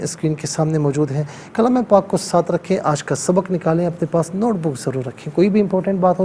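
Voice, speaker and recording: A man with a mellow, warm voice teaching Quran recitation in a televised lesson. He explains the rules in a methodical way and slows into drawn-out melodic chanting for the verses. A faint hiss sits behind him. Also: a little high. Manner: steady, methodical counting and rule explanation. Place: TV studio.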